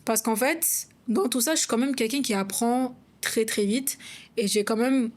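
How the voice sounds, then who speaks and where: A young adult woman with a slightly high-pitched voice, talking through a casual podcast conversation with her partner. She sounds reflective and chatty, and she often drops in little asides to him as she goes. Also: normal speed. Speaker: podcast co-host.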